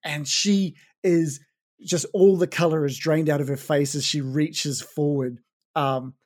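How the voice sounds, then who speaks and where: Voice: mid-range voice, steady tone, a little slow, a little mellow. A game master casually narrating a tabletop game scene, using many fillers.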